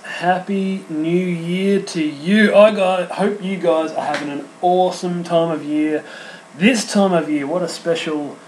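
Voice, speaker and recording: An Australian man in his thirties hosting an unscripted solo podcast, chatty and sentimental, talking in halting bursts full of restarts and fillers. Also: high-pitched, darkish tone, reverberant, a little hiss or hum, poor audio. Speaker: podcast host. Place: home studio.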